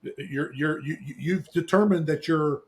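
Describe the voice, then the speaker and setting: A man's voice: on the high side, moderate pace, a little mellow. A middle-aged man co-hosting a casual talk show, earnestly giving life advice, often restarting his sentences. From Eastern Shore, US. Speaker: podcast co-host. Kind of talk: casual chat.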